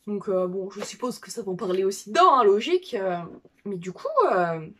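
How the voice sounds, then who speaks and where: A woman's voice: mid-range voice, lively intonation, fairly quick. A woman book vlogger chatting casually to her viewers, hesitant and full of fillers and restarts.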